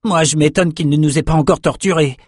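A man's voice: a little high, fairly quick, dry recording, clean studio sound, voice pushed up, close to an everyday voice. A man voicing a fearful, morbid young male prisoner, speaking gloomily in an audiobook. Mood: gloomy. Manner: gloomy, anxious. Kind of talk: audiobook character reading.

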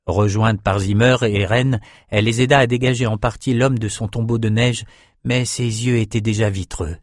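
Homme grave qui lit un roman. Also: male voice, fairly low pitch, steady tone, moderate pace, no echo. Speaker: narrator. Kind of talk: scripted audiobook narration. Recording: dry studio recording.

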